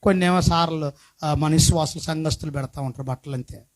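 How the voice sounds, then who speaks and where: High-voiced male pastor preaching. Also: quick pace. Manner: swings from quiet talk to shouted preaching; asks the congregation questions. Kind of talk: sermon.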